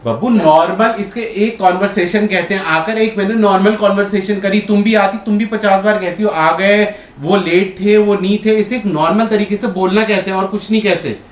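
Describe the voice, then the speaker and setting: A man's voice: high voice, fairly even intonation, brisk, few pauses, roomy sound. A man arguing with his wife at home, repeatedly demanding to know what went wrong. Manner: argumentative, keeps asking what happened. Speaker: husband in a staged prank. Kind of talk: casual domestic argument.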